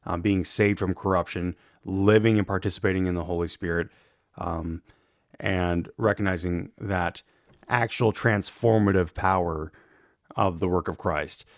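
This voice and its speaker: A man lectures informally in a low, gravelly voice that sounds roughened by allergies. He explains carefully and qualifies his points as he goes. The recording is close and dry. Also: fairly even intonation, unhurried, no room sound. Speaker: theology lecturer.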